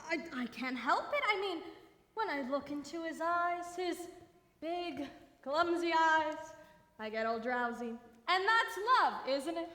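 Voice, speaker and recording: An actress playing a drowsy, grand middle-aged chaperone who speaks in a languid, dreamy way. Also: female voice, high-pitched, animated, a little slow, bright, forceful tone, heavily acted. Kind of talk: stage musical acting. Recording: echoey theatre hall.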